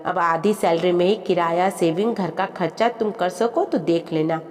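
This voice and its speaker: A woman's voice: lowish voice, fairly even intonation, normal speed, lightly acted. Woman reading as a firm young husband laying down terms. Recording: long reverb with background music.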